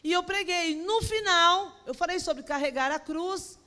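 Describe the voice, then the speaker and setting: High, bright-voiced woman preaching. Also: unhurried. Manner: animated storytelling, swinging from soft to loud. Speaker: pastor. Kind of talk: sermon with personal testimony. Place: large church auditorium, on stage. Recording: long reverb of a large hall.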